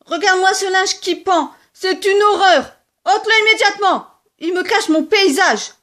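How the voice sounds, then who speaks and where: A woman voicing a grumpy male brown rabbit, scolding and shouting indignantly in a storybook reading. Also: very high-pitched, moderate pace, pitched above the performer's own voice.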